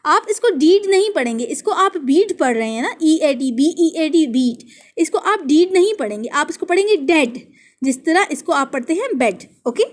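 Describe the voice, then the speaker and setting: A woman teaching English spelling, who slowly repeats each word and spells it out letter by letter. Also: high-pitched, sing-song. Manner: reads English verse lines slowly and deliberately. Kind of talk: classroom lesson explaining English spelling in Hindi.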